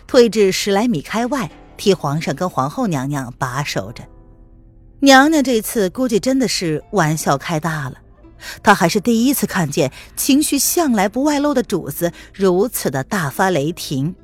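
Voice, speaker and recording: Expressive woman narrating a novel. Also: mid-range voice. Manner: expressive storytelling. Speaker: audiobook narrator.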